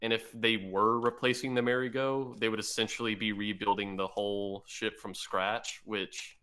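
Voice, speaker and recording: A man's voice: fairly low pitch, level tone, moderate pace, sharp tone, smooth. A man co-hosting a podcast in casual chat, explaining ideas step by step as he thinks aloud. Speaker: podcast co-host.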